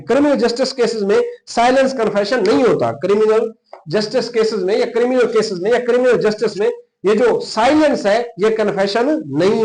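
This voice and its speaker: This law lecturer, preparing candidates for the police exam, has a high, slightly mellow voice and a Pakistani accent. He teaches in Urdu threaded with English legal vocabulary, hammering key points through repetition, spelling out important terms, and checking comprehension. Audio quality is poor.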